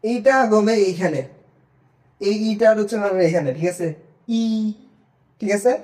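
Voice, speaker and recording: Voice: medium pitch, a little fast, warm tone. A language teacher giving an online lesson, patiently drilling single sounds one by one and often checking that learners follow. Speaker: Chinese pronunciation teacher.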